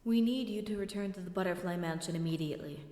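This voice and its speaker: A woman voicing a calm, measured older male leader of demon hunters in a storybook audio drama. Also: lowish voice, natural voice.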